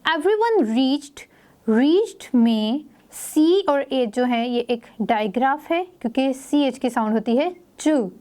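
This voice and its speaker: A woman teaching phonics to young children, reading English example sentences slowly and explaining each sound in Hindi-Urdu. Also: high-pitched, dark tone.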